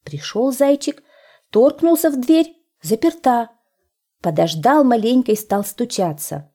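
A woman reading a fairy tale aloud in an expressive, sing-song storyteller's manner. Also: a little high, measured pace.

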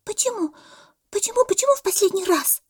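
Storybook monkey, female, young and excitable, pestering with questions in a very high voice. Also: moderate pace. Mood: excited. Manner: squealing, demanding questions.

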